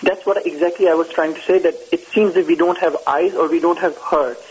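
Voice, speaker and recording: A man calling a radio talk show over the phone, talking in a halting, hesitant way with an echoey sound. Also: on the high side, fairly even intonation, darkish tone, breathy edge. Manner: halting, hesitant, many fillers. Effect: heard over the phone. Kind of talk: call-in argument. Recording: dull, muffled phone line.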